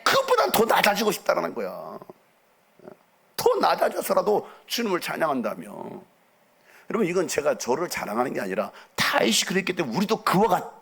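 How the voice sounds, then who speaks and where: A middle-aged man preaching a lively, theatrical sermon to young people as a pastor. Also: high voice, fairly quick, creaky, breathy edge. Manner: animated, theatrical, acts out quotes and jumps around.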